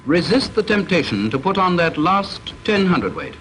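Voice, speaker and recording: Faint hiss marks the vintage soundtrack behind a high-pitched British man delivering formal, scripted training-film narration. Though measured, instructive and stern, he sounds very animated and a bit bright.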